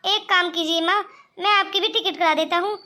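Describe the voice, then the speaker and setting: A woman's voice: very high-pitched, steady tone, moderate pace, pushed and bright. A woman voicing an easygoing, caring young husband in a cartoon, talking casually and reassuringly. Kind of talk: cartoon voice acting.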